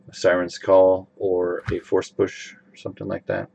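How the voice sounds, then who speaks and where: A man's voice: low voice, measured pace, vocal fry. A man casually commentating a card game over a call, explaining costs and plays. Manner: relaxed, explains mana costs.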